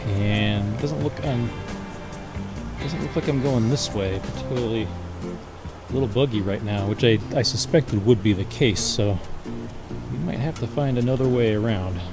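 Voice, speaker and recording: Male vlogger, forties, medium pitch, unscripted outdoor chat, halting delivery, thinks aloud, camera at arm's length. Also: music in the background. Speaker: pipe-smoking vlogger. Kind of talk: casual rambling chat to camera. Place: outdoors in the woods by a creek. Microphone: camera at about arm's length.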